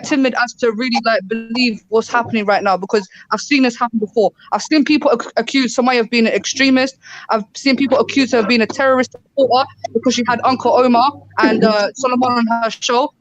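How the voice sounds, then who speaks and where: A woman's voice: fairly high pitch, muffled recording. A woman with a London street roadman accent, debating casually as a panellist, slangy and emphatic, repeating herself to make a point. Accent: London street slang (roadman) English. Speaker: panellist on online debate show.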